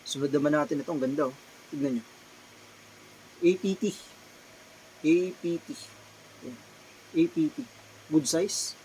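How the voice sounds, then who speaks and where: Slow, polite Filipino man showing clothes. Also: a little high, a little mellow, a little hiss or hum, poor audio. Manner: slow, polite, repeats item names and sizes. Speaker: thrift clothing seller. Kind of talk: casual product showcase vlog. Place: his small shop.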